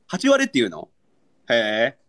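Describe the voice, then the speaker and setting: A man's voice: mid-range voice, wildly swooping pitch, unhurried, fairly bright tone. A young man with a Kansai accent, a livestreamer bantering in mock anger and pleading with viewers for gifts. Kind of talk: live-stream battle banter.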